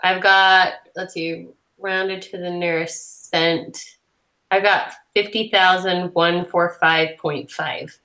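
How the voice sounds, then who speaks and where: A young woman talks on a video call, chatty and full of questions as she works through homework problems. Her voice sits a bit low for a woman. The room around her mic sounds echoey. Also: little pitch movement, slow pace, pushed and bright. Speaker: student in a study group. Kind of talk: casual chat while working problems. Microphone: computer mic on a video call.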